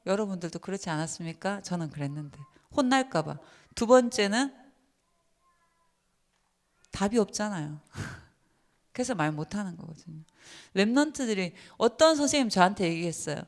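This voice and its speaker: A woman giving a seminar lecture to church teachers, emphatic and lively, often putting questions to her listeners. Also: medium pitch, normal speed. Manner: lively and emphatic, asks the audience many questions. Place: church hall. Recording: long reverb of a church hall.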